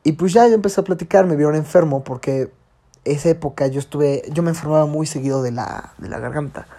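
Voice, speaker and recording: A man with a Mexican accent and a slightly hoarse, rather high voice, talking frankly in a casual confessional monologue full of slang and swearing. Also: a little fast, mellow.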